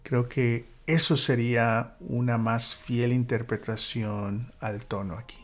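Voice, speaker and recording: A man leading a church small-group Bible study, speaking reflectively with fillers and dropping into a whisper for calm moments. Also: medium pitch, slow pace. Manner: reflective, with many fillers and soft whispered asides.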